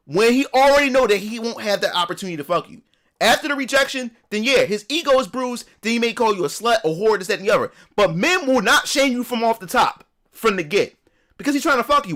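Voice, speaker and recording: A man talking to his stream audience in a loose, casual rant. His voice sits high, and he swears freely and piles up repeated words as he presses his point. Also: a bit bright. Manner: ranting, emphatic, swears a lot; repeats words and restarts as he builds up. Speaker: live streamer. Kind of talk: casual live-stream chat.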